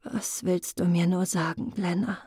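A woman playing a proud, defensive young woman fighter in an audiobook, speaking low and hushed, then sharp and curt. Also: level tone, unhurried, husky, dry recording, studio quality. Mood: hushed wary.

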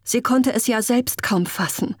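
A woman reads a fantasy novel aloud in a calm, even manner at an unhurried pace. The recording is dry and close, with no room sound. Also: a little high, dry recording. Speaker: audiobook narrator. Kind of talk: scripted fantasy narration.

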